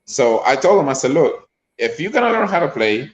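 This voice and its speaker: A man's voice: on the high side, very animated, brisk, roomy sound, muffled recording. A man from Honduras with a Honduran accent, a player's father talking casually in an interview, rambling with many fillers and restarts.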